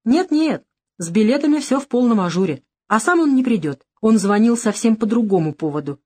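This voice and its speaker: A blunt, gruff middle-aged crime boss, read by a woman narrator in an audiobook. His tone stays lively and up in the voice, with a bit of push behind it. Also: on the high side, brisk. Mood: uneasy.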